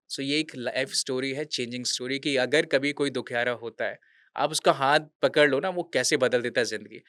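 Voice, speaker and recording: A man's voice: a little high, fairly bright tone, dry recording, studio quality. A man in his thirties, a podcast guest, telling a true story earnestly in a conversational interview and dropping English words into his speech. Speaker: podcast guest, veterans' charity worker.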